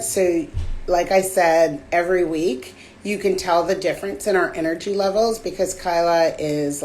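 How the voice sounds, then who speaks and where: A woman hosting a casual livestream chat, her raspy voice slightly hoarse from a cold, talking in a relaxed, chatty way with frequent fillers into a phone. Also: fairly low pitch. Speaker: host. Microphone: phone on a live stream.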